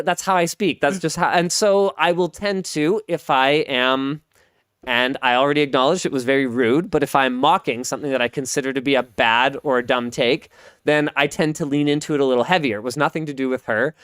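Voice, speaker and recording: Rambling Canadian man, crisp dry voice. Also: a little high, brisk, a bit bright, no room sound. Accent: Pacific Northwest. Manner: rambling, self-interrupting, repeats words. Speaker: podcast host. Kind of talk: casual podcast chat.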